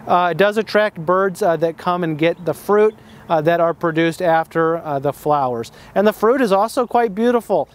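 A man with a high, smooth, resonant voice teaches plant identification outdoors. He talks unscripted and hesitant, with frequent fillers and restarts, and traffic can be heard somewhere nearby. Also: moderate pace. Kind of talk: casual outdoor plant lesson.

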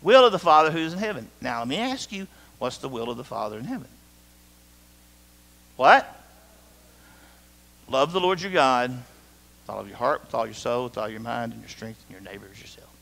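A man's voice: medium pitch, lively intonation, moderate pace, vocal fry, pauses often, a bit bright. A middle-aged man preaching a sermon as pastor, conversational and joking, speaking straight to his congregation. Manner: conversational, jokey, talks to the congregation directly. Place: church sanctuary. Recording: reverberant church hall.

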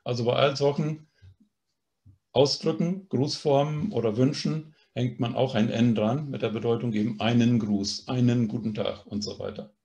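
A man's voice: medium pitch, fairly even intonation, normal speed, mellow, dull audio. A man teaching a language course, explaining grammar patiently and often checking in with a questioning "ne?". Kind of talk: online language lesson.

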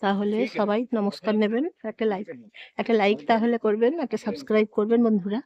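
Bengali lady vlogging with a hoarse cold voice, mellow tone, kinda muffled phone audio. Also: mid-range voice, flat delivery, fast talker. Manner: chatty, repeatedly urging viewers to look. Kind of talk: casual walkthrough vlog. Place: indoor fair hall.

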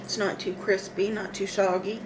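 A woman vlogger chewing as she gives a casual, murmuring commentary on her food. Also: medium pitch. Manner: slow, relaxed, murmuring between bites. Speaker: mukbang vlogger. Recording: audible background noise.

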